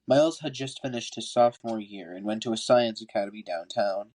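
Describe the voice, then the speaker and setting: Narrating an amateur audiobook for his podcast, a congested-sounding man occasionally trips over words and goes back to reread. His voice is lowish, brisk and darkish, and the audio is poor.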